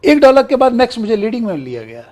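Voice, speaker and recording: A man's voice: very high voice, racing. A middle-aged man from Kashmir, an actor and broadcaster animatedly recalling his career in an interview and acting out old conversations. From Kashmir, India. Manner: animated storytelling, acts out quoted exchanges.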